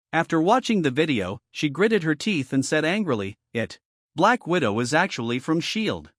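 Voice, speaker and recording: Flat-voiced male recap narrator. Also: fairly high pitch, dry recording, studio quality. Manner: reads every character's lines in his own voice. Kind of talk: scripted narration.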